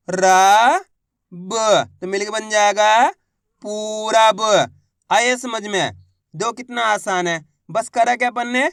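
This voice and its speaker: A man's voice: high voice, fairly bright tone, dry recording, studio quality. A man teaching a reading lesson step by step, patiently asking and answering his own questions and drilling each sound.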